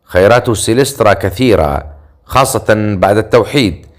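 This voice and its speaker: A confident, sardonic male comrade in an audiobook fantasy tale, teasing his friends with easy assurance, as a male narrator voices him. His tone is low and steady. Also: fairly quick, lightly acted.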